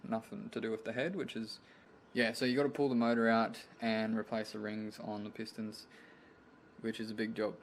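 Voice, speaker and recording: Kiwi guy chatting on a car vlog, slangy, medium pitch, bit of vehicle noise behind. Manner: laid-back, slangy, swearing. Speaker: vlog host. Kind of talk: casual car vlog chat.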